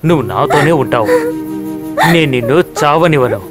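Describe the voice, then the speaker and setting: A man's voice: on the high side, brisk, loud music behind the voice, lightly acted. A man voicing a devoted young fisherman who makes emotional vows through tears, in a dubbed film drama. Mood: tearful, vowing. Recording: loud film score underneath.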